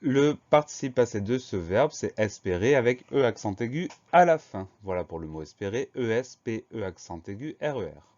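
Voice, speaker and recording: A man teaching a spelling lesson, spelling each word letter by letter in a slow, deliberate way. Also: medium pitch, animated, darkish tone. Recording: dull lo-fi recording.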